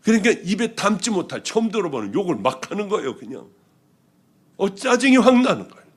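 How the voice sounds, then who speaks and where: Speaking a little fast in a high, breathy voice, a pastor from South Korea shares his testimony from the pulpit. He acts out quotes vividly, lurching from loud bursts down to quiet whispers as his story unfolds.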